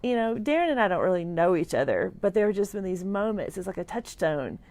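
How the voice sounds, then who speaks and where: A middle-aged woman weak and groggy after surgery, rambling sincerely and haltingly in a personal livestream from a hospital room. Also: medium pitch, big pitch swings, a little mellow, no room sound. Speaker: vlogger sharing a personal update.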